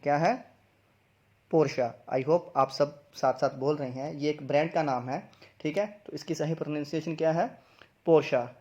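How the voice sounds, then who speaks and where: A man's voice: fairly high pitch, moderate pace, darkish tone. A young man, teaching English pronunciation in a video lesson, explaining step by step and repeating each word twice. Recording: dull lo-fi sound.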